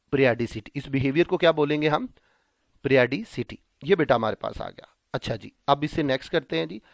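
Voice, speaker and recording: A man's voice: medium pitch, no echo. Male math lecturer, dry sound. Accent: Pakistani Punjabi. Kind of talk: classroom lecture.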